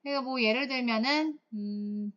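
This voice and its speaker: A woman's voice: fairly high pitch, normal speed, a crowd in the background. A woman English teacher giving a chatty classroom lecture, often checking whether her students follow along. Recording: dull lo-fi classroom recording.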